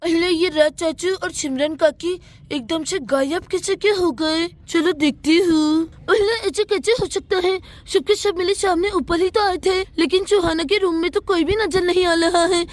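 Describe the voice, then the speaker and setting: A woman's voice: very high-pitched, fairly even intonation, unhurried. A woman voicing a bored, nervous little girl in a doll cartoon story. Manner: whiny then nervous.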